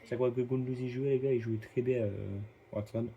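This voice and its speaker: A man's voice: mid-range voice, steady tone, moderate pace, vocal fry, highs cut off. A man giving casual gameplay commentary, often repeating his phrases and addressing viewers as friends. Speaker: gaming streamer. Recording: faint background noise.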